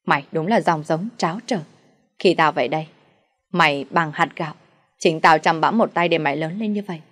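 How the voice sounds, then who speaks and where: A woman's voice: sits low, brisk, fairly bright tone. A woman voicing a shrewish middle-aged stepmother who scolds, curses and wails for the village to hear. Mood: taunting. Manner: scolding, cursing, wailing to the village.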